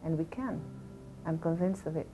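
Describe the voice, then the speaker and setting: A woman's voice: low-pitched, normal speed, dull audio, soft background music. A woman from Aruba, a police deputy commissioner speaking passionately and conversationally in an interview, with frequent fillers.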